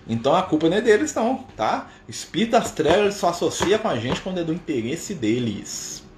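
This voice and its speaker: A man's voice: on the high side, very animated, fairly quick. A Brazilian man leading an informal live spiritist study, talking conversationally with rhetorical questions and frequent tag questions. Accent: Brazilian Portuguese. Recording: echoey room with faint noise.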